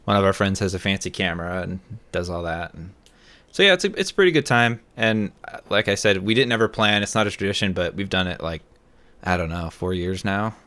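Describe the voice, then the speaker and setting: A man's voice: sits low, fairly quick, pushed and bright. A man in his thirties, a podcast co-host, telling a long, rambling story in casual chat with lots of fillers.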